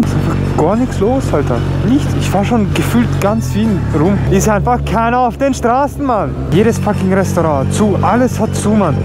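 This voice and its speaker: A young motovlogger chats casually and cheekily while riding a motorbike on a city street, using slang, laughing, and tossing out cheeky pickup lines. His voice is on the high side, and street and engine noise fill the recording.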